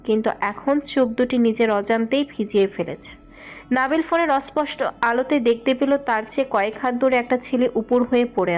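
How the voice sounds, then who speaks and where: Woman narrating a love story. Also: a little high.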